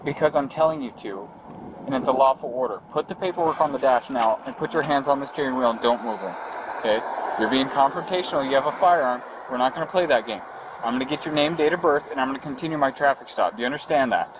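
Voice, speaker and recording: Outdoors at a roadside beside a vehicle, a male police officer gives firm, procedural instructions during a traffic stop. He speaks quickly in a mid-range voice, captured in noisy body-camera audio.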